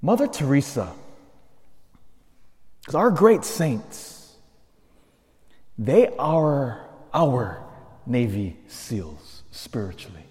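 Priest, male, mid-pitched, preaching earnestly with cathedral echo trailing every line. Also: sing-song, extremely slow, pauses often, mellow. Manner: earnest preaching with emphatic repetition. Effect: long cathedral-like church echo. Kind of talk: gospel reading and homily. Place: large church. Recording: long echo of a large church.

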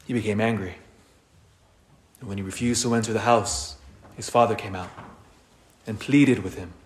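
Priest guy reading the gospel, calm and measured, big cathedral echo all around him. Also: lowish voice. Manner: measured, unhurried liturgical reading. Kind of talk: reading the Gospel aloud at Mass. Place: large church. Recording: roomy church reverb.

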